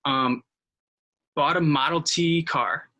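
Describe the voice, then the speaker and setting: A man in his thirties, a history teacher, answering interview questions in a relaxed, friendly storytelling way. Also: a little high, slow, poor audio.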